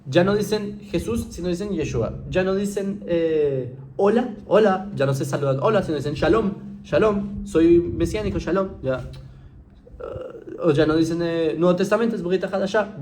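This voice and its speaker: Here a man's slightly high, somewhat mellow voice carries an informal, conversational lecture to viewers, with slight background noise. He restarts sentences often, fills pauses, mimics mockingly, and keeps asking "¿sí?" to check they understand.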